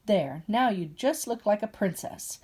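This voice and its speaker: A woman voicing a cheerful, playful grandmother bear in a storybook, exclaiming brightly. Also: medium pitch, unhurried, slightly rough. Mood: excited. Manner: lively, exclaiming.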